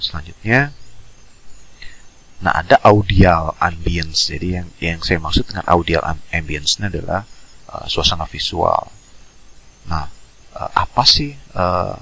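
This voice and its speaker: A man giving an online university lecture over a video call, explaining step by step with hesitant filler pauses. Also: low-pitched, gravelly, sharp tone, poor audio. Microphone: video call microphone.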